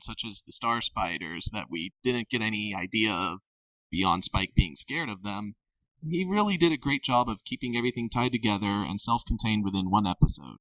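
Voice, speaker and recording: A man's voice: lowish voice, fairly bright tone, no echo. A man co-hosting a casual review discussion, explaining his views earnestly. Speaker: podcast co-host. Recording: dull dry lo-fi mic.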